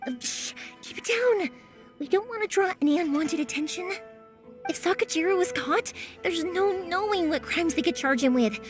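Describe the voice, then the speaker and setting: An actress playing a warm-hearted, chatty young woman in a video game, energetic and friendly. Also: very high-pitched, moderate pace. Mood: reassuring, careful. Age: young adult. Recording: music behind.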